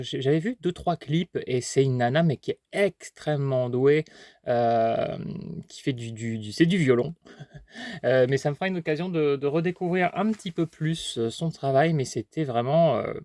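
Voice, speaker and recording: A man's voice: on the high side, a little mellow, no echo. A man chatting casually about his haul, rambling with many fillers and restarts while eating. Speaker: collector vlogger.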